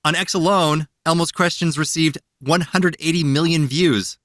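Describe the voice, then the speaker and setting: A man's voice: fairly high pitch, fairly even intonation, moderate pace, a bit bright, no room sound, studio quality. A man hosting a casual podcast chat, reading social media posts aloud and slipping into silly voices. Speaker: podcast host.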